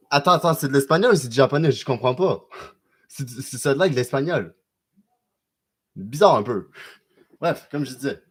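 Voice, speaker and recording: A man with a Québécois accent chatting casually on a live stream and answering viewers, loose and slangy with lots of quick restarts. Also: mid-range voice, husky. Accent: Québécois French.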